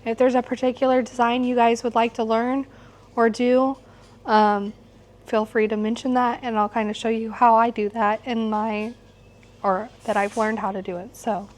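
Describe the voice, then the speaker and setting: A middle-aged woman with a slightly hoarse voice, teaching an informal hands-on quilting class. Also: on the high side, flat delivery, normal speed, a little mellow. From United States, located in Missouri. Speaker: quilting instructor. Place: shop workroom with warehouse shelving, small seated class. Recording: clear background noise in shop room.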